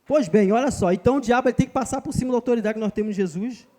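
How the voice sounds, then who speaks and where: A man's voice: extremely high pitch, racing, dark tone. A man with a Brazilian Portuguese accent preaching a sermon at a church retreat, emphatic, repeatedly calling his listeners brother.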